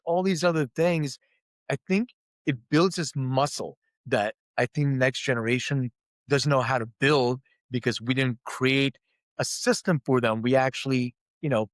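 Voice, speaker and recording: A middle-aged company CEO, born in Lithuania and raised in Philadelphia, appears as an interview guest and tells his life story openly with self-deprecating humor, acting out quoted voices. His voice is mid-range and fairly bright. The recording is dry.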